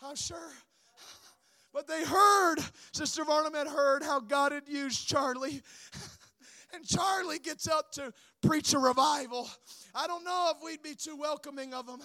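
A male preacher giving a sermon, moving between shouted exhortation and hushed storytelling. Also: extremely high pitch, normal speed, no echo.

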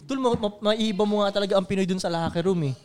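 Filipino man, podcast co-host, high voice, animated banter. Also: fast talker. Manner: animated banter, bursts of shouted excitement. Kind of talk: casual chat.

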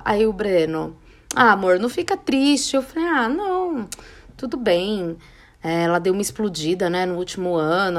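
A young Brazilian woman from the São Paulo area hosts a podcast, telling a story casually and acting out the dialogue with lively voices. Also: fairly low pitch. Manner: animated, acts out quoted dialogue. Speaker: podcast host.

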